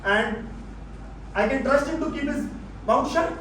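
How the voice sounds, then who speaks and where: A man with an Indian accent plays a stern, controlling elderly father-in-law in a stage play, sounding authoritative, disapproving and accusing. His voice is very high-pitched, a bit bright and slightly slow. The stage recording is distant, very echoey and noisy.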